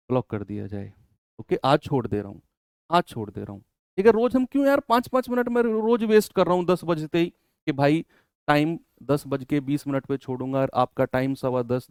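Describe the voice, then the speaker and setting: Man, online maths teacher, smooth resonant voice, dry close recording. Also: no echo. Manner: lively teacher, asks the class questions and answers them himself; drops to low, quiet complaining when scolding students. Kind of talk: live online maths class.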